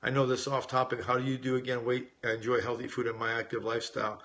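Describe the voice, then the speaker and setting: Speaking at a quick pace with flat delivery, this middle-aged American man has a medium-pitched, fairly bright voice. He grew up in Las Vegas and hosts a live Q&A as a weight-loss coach. He reads viewers' questions during a casual live-stream chat and answers like an informal coach, conversational and speaking right to his viewers.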